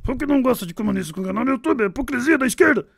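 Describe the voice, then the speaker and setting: A childish green brute rages in short, broken third-person phrases, as a man puts him on. The voice is raspy and sharp-edged, set in a dry, close sound. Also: very high-pitched, lively intonation, racing, no echo, exaggerated voice. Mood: grumbling. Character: angry hulking green male brute, childish.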